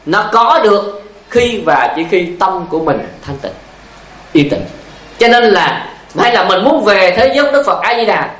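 A man's voice: high voice, a bit bright, roomy sound, poor audio. A male Buddhist monk giving a dharma talk, asking rhetorical questions and telling stories. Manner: repetitive, asks rhetorical questions, tells stories. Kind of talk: sermon with anecdotes.

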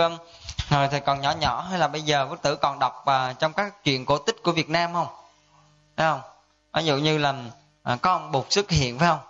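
A man's voice: a little high, a bit bright. A Buddhist monk teaching a dharma lesson in a conversational way, often asking his listeners to confirm. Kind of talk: dharma class lecture. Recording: dull lo-fi sound.

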